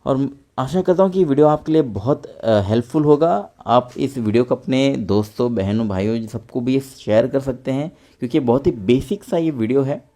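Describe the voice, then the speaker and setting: A male teacher gives a patient online lesson with a warm, mellow tone. He spells out each word letter by letter before slowly saying it aloud, and repeats his points in a friendly way for the viewers. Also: mid-range voice. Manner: spells out English words letter by letter, then says them slowly; patient, repetitive explaining, addresses viewers as friends. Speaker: English grammar teacher.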